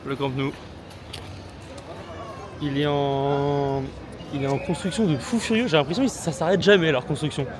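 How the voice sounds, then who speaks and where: With a voice on the high side, this chatty male travel vlogger talks at a normal speed but leaves long pauses. He's loose, slangy and self-mocking, using plenty of fillers. Most of it happens outdoors on sunny, crowded city streets, recorded through a small handheld gimbal camera mic amid street noise.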